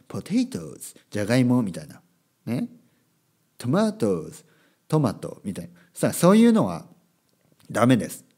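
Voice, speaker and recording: A man's voice: medium pitch, warm tone. A Japanese man hosting a casual solo podcast as a language teacher, talking emphatically and repeating his key words. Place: lives abroad, recorded solo.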